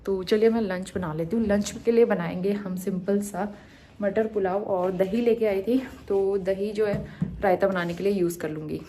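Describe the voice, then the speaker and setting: Home vlogger, woman, casual chat to camera, thinks out loud, light background noise. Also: mid-range voice, fairly even intonation. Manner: chatty, thinking out loud with pauses.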